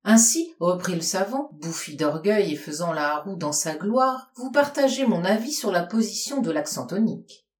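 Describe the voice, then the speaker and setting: A man's voice: high voice, moderate pace, close to an everyday voice. A woman reading aloud plays a flustered, self-important old male scholar in a roomy-sounding recording. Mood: fussy. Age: older. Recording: roomy echo.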